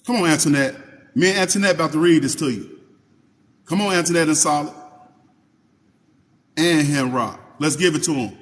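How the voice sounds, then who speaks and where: A man reading scripture slowly and then preaching in casual asides, talking to viewers by name and asking them questions. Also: on the high side, a bit bright, in a large hall. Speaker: Bible teacher on a livestream. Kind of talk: informal Bible reading and preaching.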